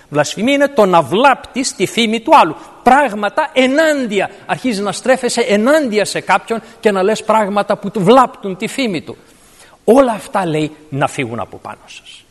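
A man preaching a sermon, explaining scripture word by word and verse by verse. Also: very high-pitched. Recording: long reverb of a large hall.

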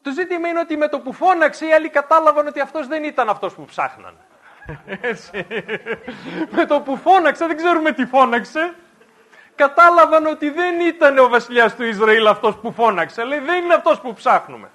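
High-voiced male preacher explaining scripture. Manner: animated storytelling, alternates scripture reading with explanation. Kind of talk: sermon, Bible study.

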